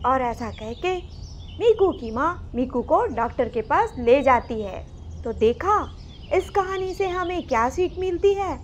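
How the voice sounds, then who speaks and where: A woman narrating a children's moral story in a gentle, simple storytelling manner. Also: sits high, expressive, a little slow, a little hiss or hum. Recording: slightly muffled recording.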